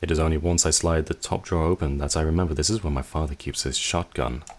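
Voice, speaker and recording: Deep-voiced man reading game text. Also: fairly even intonation. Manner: measured, dry reading with asides. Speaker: let's play host. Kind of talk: reading game narration aloud.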